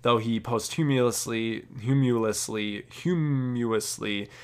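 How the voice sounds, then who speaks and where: A young man presenting art history in a casual, halting way, often stopping to correct how he pronounces names. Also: mid-range voice, clean tone. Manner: hesitant, many fillers and restarts, self-correcting pronunciations. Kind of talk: casual educational narration.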